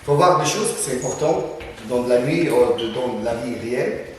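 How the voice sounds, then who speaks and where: A man's voice: mid-range voice, moderate pace, darkish tone, slight background noise. Man coaching from far in an echoey hall. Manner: punctuates moves with sound words. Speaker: Krav Maga instructor. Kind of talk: demonstrating self-defense techniques.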